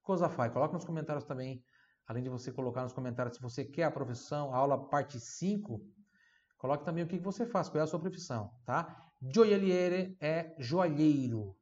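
A man giving an online language lesson, sounding words out slowly and repeating each one so the student can follow. The recording sounds a little dull and lo-fi. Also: a little high, lively intonation, darkish tone. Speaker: Italian teacher.

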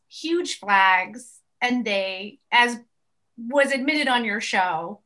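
A woman from New York speaks as a guest in a relaxed interview, earnest and quick, with plenty of fillers. Her voice is bright and sits a little high. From New York City. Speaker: guest, mother and activist. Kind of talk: casual interview chat. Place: at home.

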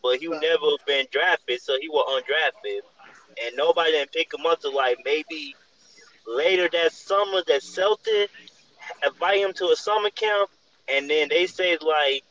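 A man's voice: fairly high pitch, unhurried, bright, forceful tone, lo-fi sound. A man in casual chat, telling a long, rambling basketball story with many fillers.

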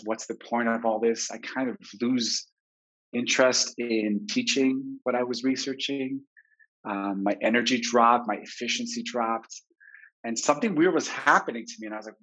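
A man in his forties from Israel, a therapist giving a webinar talk, telling his own story in a candid, reflective way, heard through low quality webinar stream audio. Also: a bit bright, slightly rough. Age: 40s. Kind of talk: personal storytelling lecture. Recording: dull lo-fi webinar recording.

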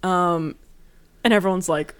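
A woman's voice: fairly low pitch, a little slow, fairly bright tone, clean tone. A woman co-hosting a podcast, chatting casually and giggling often. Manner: giggly, chatty, many fillers. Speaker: podcast co-host. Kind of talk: casual chat about an anime.

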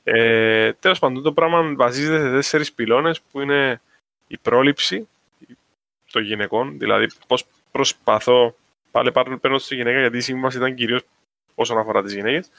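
A man's voice: mid-range voice, vocal fry, fairly bright tone, no echo. A man with a Cypriot Greek accent talking casually, explaining his points with examples in an informal discussion. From Cyprus. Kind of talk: casual discussion of social issues.

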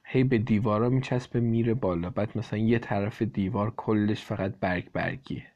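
Relaxed man reading a story to a child. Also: on the low side, dull audio. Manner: relaxed, explains words simply. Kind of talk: reading a storybook aloud and chatting.

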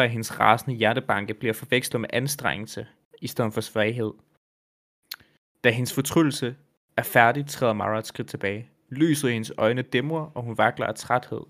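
A man co-hosting a gaming podcast, reading story passages aloud and chatting casually, with fillers and the odd swear word. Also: mid-range voice. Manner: reads quotes flatly, chats with fillers and swearing. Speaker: podcast co-host reading game lore aloud. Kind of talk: casual chat and lore reading.

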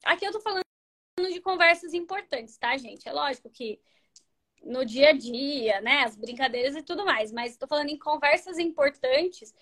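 A Brazilian woman in her thirties talks to her live-stream viewers about relationships in a high, bright voice. She is animated and chatty, acting out little dialogues and sometimes sinking to a near-whisper for emphasis. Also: moderate pace. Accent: Brazilian Portuguese. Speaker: live-stream host giving relationship advice. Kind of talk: casual advice talk to viewers.

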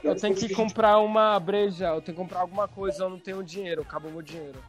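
A man's voice: sits high, fairly even intonation, fast talker, over music. A man chatting casually with friends as a vlogger, brash and swearing a lot.

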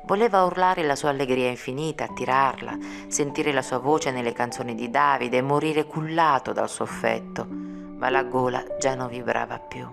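A woman narrating an audiobook in a measured, solemn reading. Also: a bass voice, gravelly. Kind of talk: scripted narration. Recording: music playing behind. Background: music.

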